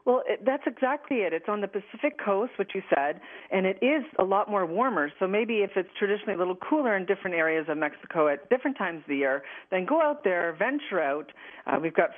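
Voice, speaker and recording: A woman's voice: mid-range voice, animated, fast talker. A woman calling in as a radio guest, chatting in an upbeat, promotional way over the telephone. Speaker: guest, travel company representative. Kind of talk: casual promotional radio interview. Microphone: telephone call-in. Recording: narrow, tinny phone line.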